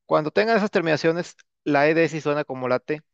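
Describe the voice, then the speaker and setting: This man talks fast, with a fairly high pitch, vocal fry, and a clean tone, while casually teaching an English grammar lesson. Fillers like "este" and a questioning "¿no?" recur throughout, and the recording is dry, dull, and lo-fi.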